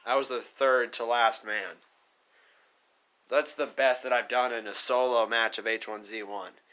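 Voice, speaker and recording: A man's voice: mid-range voice, steady tone, unhurried, sharp tone. A man giving casual reaction commentary as a video host, slangy and full of exasperated questions.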